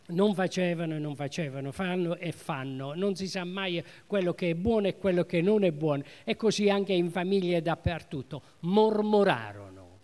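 Slow emphatic preacher man in a church. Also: fairly high pitch, a little mellow. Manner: emphatic, repeats key phrases, asks the congregation questions. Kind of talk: sermon. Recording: reverberant church hall.

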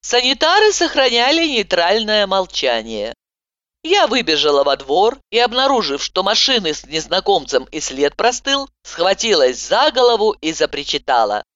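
Female audiobook reader, lively first-person telling, dull dry recording. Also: mid-range voice, normal speed, no room sound. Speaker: audiobook narrator.

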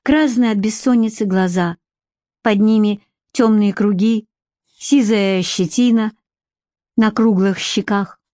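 A woman with a mid-range voice narrates an audiobook in an even, measured storytelling manner. The recording is studio quality, with no room sound.

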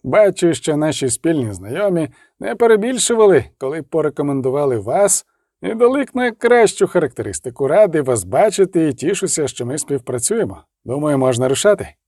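A man's voice: fairly high pitch, sing-song, fairly quick, a little mellow, no echo, studio quality. A man voicing a haughty, sniffing merchant who bargains in a raised, self-assured tone.

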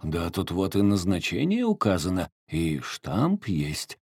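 A calm older gentleman, measured and thoughtful, who turns a find over slowly with quiet curiosity, as a man reads him. The voice stays close to the reader's own, low and dry. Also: slightly rough, dry recording, exaggerated voice.

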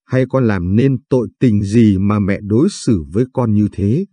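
A man's voice: fairly low pitch, normal speed, dark tone, dry recording, lightly acted. Man reading as a bitter, hurt young woman. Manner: reproachful, bitter questioning.

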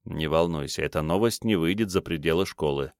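Brief: male narrator as a grave male war instructor, measured and instructive, low voice. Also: expressive, dry recording, studio quality, lightly acted. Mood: quiet reassuring. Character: stern, weary male master of war and instructor.

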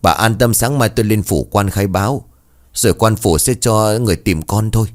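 A man playing a worried middle-aged father who calms his wife firmly, in a storybook reading. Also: lowish voice, normal speed, natural voice. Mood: soothing. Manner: calming yet firm.

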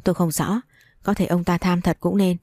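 A woman voicing a calm young businessman in an audiobook story, who speaks in a measured, matter-of-fact way. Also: fairly low pitch, no room sound, soft background music, natural voice.

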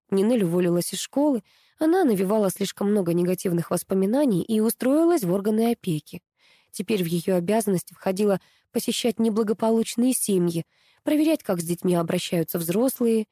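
Mellow-voiced woman reading a story. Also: mid-range voice, no room sound, clean studio sound. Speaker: narrator.

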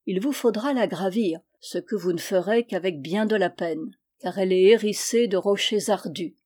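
Une femme qui prête sa voix à un minuscule vieillard barbu, enchanté depuis des siècles, bienveillant et insistant, dans un conte lu à voix haute. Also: female voice, medium pitch, normal speed, a little mellow, lightly acted. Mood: solemn. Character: tiny very old bearded man, enchanted, kindly.

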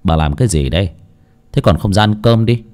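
A man voicing a stern, suspicious husband who speaks low and clipped through gritted teeth. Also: animated, brisk, a little mellow, lightly acted. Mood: stern suspicion.

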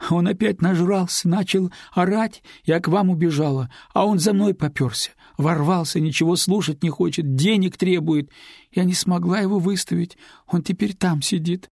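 A frightened, tearful teenage girl pours out rushed apologies and pleas, as a male narrator raises his husky voice high for her. The recording is close and dry. Her words tumble out with pleading urgency. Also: a little mellow, no room sound. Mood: pleading, upset.

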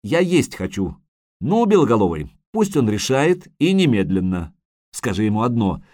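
A man voicing a vain, capricious female sea siren who talks in a singsong, shrill and indignant way. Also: very animated, normal speed, a little mellow, no room sound, studio quality.

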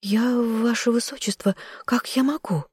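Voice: medium pitch, measured pace, husky, no echo, studio quality, pitched above the performer's own voice. A reader voicing a frightened young female servant who stammers and pleads, in an audiobook. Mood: pleading. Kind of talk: audiobook character voice.

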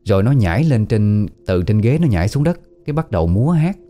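A man's voice: on the low side, big pitch swings, a little fast, dark tone, soft background music. A man with a Southern Vietnamese accent narrating a family ghost story in a plain, conversational way. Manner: plain conversational retelling with southern colloquial words.

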